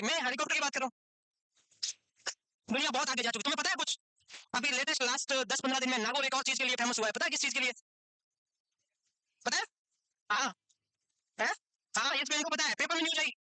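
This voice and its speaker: A man teaches a nursing class in a high, quick voice. He keeps drifting into teasing stories and banter with his students. The sound is dry and close. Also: sharp tone, no room sound. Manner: teasing, chatty storyteller. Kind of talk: classroom lecture with joking asides.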